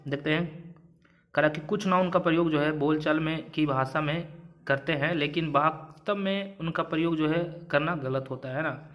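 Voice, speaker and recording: A man's voice: on the high side, moderate pace, fairly bright tone. A man teaching an exam-prep grammar lesson, explaining rules step by step, asking and answering his own questions and mixing in English example sentences.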